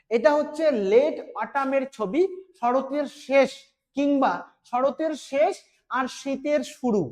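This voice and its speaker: A woman teacher giving an exam-prep literature lesson, explaining step by step, repeating key points and reading English phrases slowly. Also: sits high, a little mellow.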